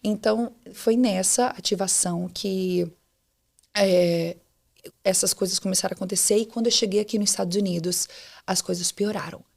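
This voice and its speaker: A woman's voice: mid-range voice, fairly even intonation, moderate pace, creaky, a little mellow. A young woman, a podcast guest giving an earnest, emotional faith testimony and repeating words for emphasis.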